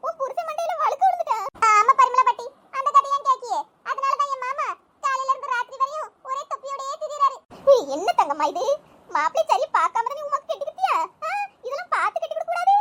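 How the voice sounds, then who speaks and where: A woman voicing chatty village women in an animated cartoon comedy, in a squeaky sped-up tone. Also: fast. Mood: laughing gossip. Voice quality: very high, sped-up chipmunk-like tone. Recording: loud background hiss.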